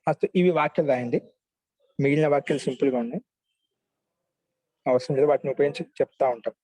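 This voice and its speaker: A male teacher giving a grammar class, patiently repeating word forms slowly so students can write them down. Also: medium pitch, darkish tone, dry recording.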